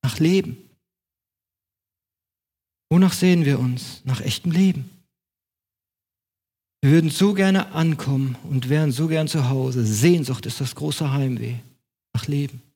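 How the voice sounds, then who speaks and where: A man's voice: medium pitch, normal speed, mellow, breathy edge. A man preaching a sermon in German as pastor of his congregation, with an emphatic, repetitive cadence.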